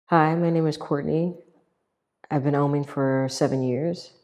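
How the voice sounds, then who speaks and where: A woman sharing a personal story in a halting way, with many fillers and restarts. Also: sits low, steady tone, a little mellow. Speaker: guest sharing her experience. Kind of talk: personal testimonial.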